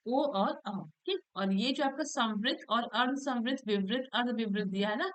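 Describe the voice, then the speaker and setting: A woman's voice: on the high side, low-quality recording. A woman teacher going through exam questions in a lesson, explaining each answer patiently and often checking in with her listeners.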